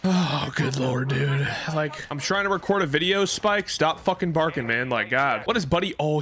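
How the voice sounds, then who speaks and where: A man commentating his own gameplay, excitable and trash-talking, swearing often. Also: a little high, very noisy. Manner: excitable, swears a lot, trash-talks opponents. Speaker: gaming creator. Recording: loud game gunfire behind voice.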